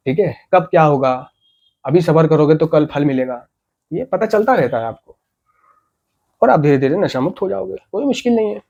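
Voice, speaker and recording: A man's voice: on the high side, a little mellow. A man giving an earnest, motivational talk about staying off drugs, repeating key points and asking rhetorical questions. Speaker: addiction recovery speaker.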